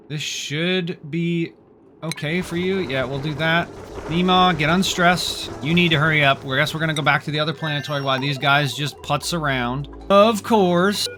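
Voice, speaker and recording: A man's voice: on the high side, steady tone, moderate pace, background noise. A man narrating his game as he plays, sarcastic and exasperated, grumbling at his characters. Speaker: gameplay streamer. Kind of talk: exasperated gameplay commentary.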